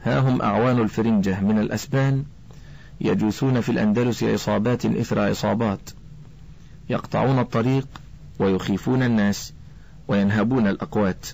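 A man voicing a devout blacksmith father in a storybook, speaking firmly and gravely. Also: lowish voice, fairly even intonation, brisk, a little mellow, rough recording. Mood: bitter. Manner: firm and grave.

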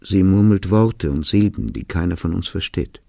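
A man voicing a calm, polite monk who answers in a plain, measured way in a storybook reading. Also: low voice, creaky, no echo, clean studio sound.

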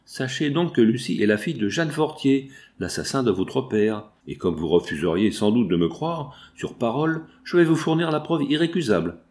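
A man's voice: mid-range voice, big pitch swings, moderate pace, few pauses, a little mellow, natural voice. Man reading as a pleading rich father. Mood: harsh. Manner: pleading, then harsh and insistent. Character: anguished wealthy father, older industrialist, pleading.

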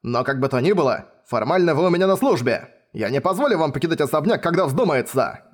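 A man's voice: a little high, expressive, quick pace. Man doing a bellowing stern old nobleman. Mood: scolding. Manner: barking, bellowing. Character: stern older nobleman, loud and commanding. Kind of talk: audiobook reading.

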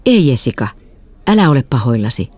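A woman voicing a tired, gentle middle-aged father who speaks quietly and earnestly. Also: a bass voice, big pitch swings, slightly rough, no room sound, exaggerated voice. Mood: tender.

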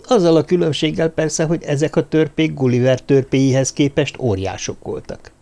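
A man reading an audiobook novel in measured, even narration. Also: fairly high pitch, gravelly. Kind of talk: scripted narration.

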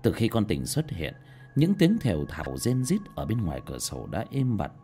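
A man narrating a scripted horror story in a dramatic, expressive manner. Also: fairly low pitch, moderate pace, faint music behind.

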